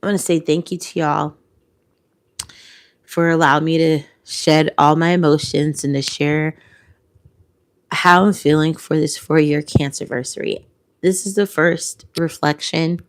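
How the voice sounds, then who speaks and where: A woman talks into a close mic in a heartfelt vlog, tearful and sometimes sinking to a whisper. Her voice sits low, with a gravelly fry running through it, and she repeats her phrases. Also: fairly even intonation, unhurried, pauses often. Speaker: content creator. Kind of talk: emotional reflective vlog.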